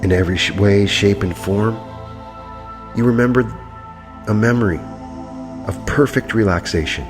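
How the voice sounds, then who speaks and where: Deep voiced guy doing guided meditation, soothing n hypnotic, music clearly playing behind him. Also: normal speed, pauses often. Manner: soothing, hypnotic delivery with repeated phrases.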